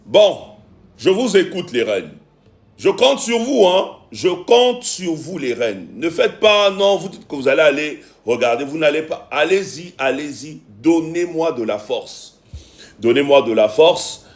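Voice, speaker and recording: A man's voice: fairly high pitch, very animated, unhurried. A man hosting a casual live stream on his phone, repeating himself and pleading with his viewers for support. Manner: repetitive, pleading with viewers, many fillers. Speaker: live-stream host and music producer.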